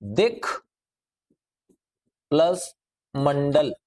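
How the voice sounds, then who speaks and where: A man's voice: fairly high pitch, big pitch swings, extremely slow, darkish tone. A middle-aged man teaching a grammar class, drilling students with repeated rhetorical questions.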